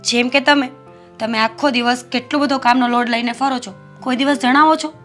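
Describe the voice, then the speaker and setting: An actress plays a dutiful young daughter-in-law who talks softly and patiently. Her voice is slightly high, and light music plays under the scene. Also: fairly even intonation, fairly quick. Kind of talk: family drama acting.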